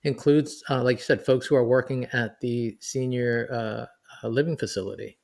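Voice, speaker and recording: Podcast co-host: a New York-born man in his forties, chatty, easygoing, mid-pitched. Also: normal speed, vocal fry. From New York City. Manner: chatty, animated, laughing as he reminisces. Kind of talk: podcast conversation.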